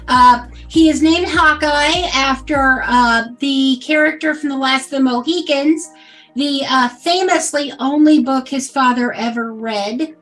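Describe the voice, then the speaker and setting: A woman with a fairly high voice co-hosts a podcast in a relaxed, chatty way. She reads from her notes and fills the gaps with ums and uhs. Faint music plays behind her. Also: a little slow. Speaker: podcast co-host. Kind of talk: casual podcast chat.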